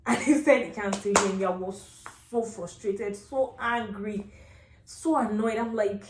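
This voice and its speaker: A vlogger with a Nigerian accent rants through a casual story, exasperated and emphatic, repeating phrases for effect. Her mid-range voice is steady and measured, recorded in an echoey room with background noise.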